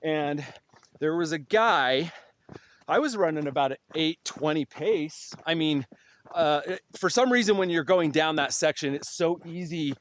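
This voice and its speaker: Male podcast host, chatty storyteller, slightly high pitch, faint noise underneath. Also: a little slow. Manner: animated storyteller, laughs easily. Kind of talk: casual interview chat.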